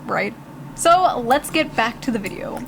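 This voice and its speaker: A woman commentator with a fairly high voice delivers scripted lines. She is sarcastic and emphatic, over faint background noise. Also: animated, unhurried, fairly bright tone, poor audio. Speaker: video commentator.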